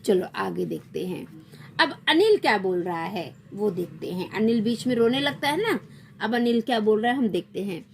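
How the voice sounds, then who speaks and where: A woman's voice: medium pitch, expressive, normal speed, vocal fry, slight background noise. A woman teacher explaining a school text to children, acting out each line and then repeating and explaining it.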